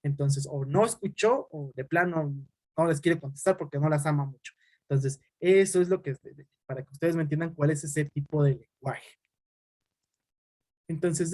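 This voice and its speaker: Fast-talking male teacher. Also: fairly high pitch, a little mellow, no echo. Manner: fast-talking, uses "¿sale?" as a tag. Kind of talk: online class lecture.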